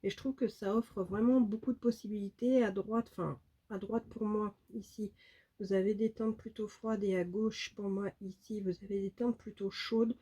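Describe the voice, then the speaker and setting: This beauty vlogger's medium-pitched voice is husky and dark, fairly even, moving at a moderate pace. She talks casually and excitedly to her audience about makeup, using lots of filler words.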